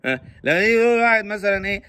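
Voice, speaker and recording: A man's voice: high-pitched, lively intonation, rapid-fire, pushed and bright, a little hiss or hum. A man with an Egyptian Arabic accent, giving casual advice in a joking, teasing monologue and mimicking silly speakers.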